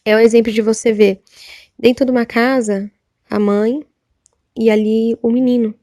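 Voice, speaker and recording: A woman's voice: a little high, flat delivery, moderate pace, dark tone, dry recording, clean studio sound. Woman preaching a testimony. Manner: repetitive, asking "amém?" often. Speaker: church sister giving testimony.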